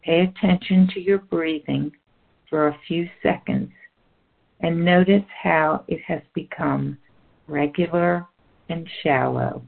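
A speaker reading a guided relaxation script in a slow, soothing, instructional way. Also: mid-range voice, steady tone, vocal fry. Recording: tinny phone-like audio.

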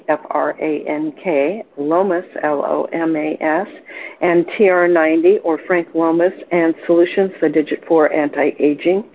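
A woman's voice: fairly low pitch, a little hiss or hum. Older woman hosting a tinny phone call. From Portland, Oregon. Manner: cheerful, chatty, with fillers and self-corrections. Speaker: host of a wellness support call. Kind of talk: informal coaching talk on a conference call. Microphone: telephone. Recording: phone-line conference call.

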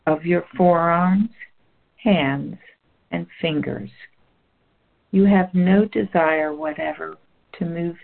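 A relaxation guide talks you through a body-relaxation script at an unhurried, drawn-out pace. The voice carries a gravelly, fry-laced texture, and the whole recording sounds thin and tinny, like it's coming down a phone line. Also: medium pitch. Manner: slow, soothing, instructional.

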